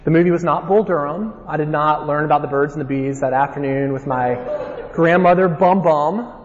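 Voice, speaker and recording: A man with a Southern accent from Alabama preaches in a reverberant hall. His voice sits a little high and his delivery is informal and folksy, like storytelling from the pulpit. The recording is somewhat dull. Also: fairly even intonation, quick pace. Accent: Alabama Southern American. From Alabama, United States. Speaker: conference preacher. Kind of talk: sermon with scripture reading and personal storytelling. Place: large reverberant room, live talk.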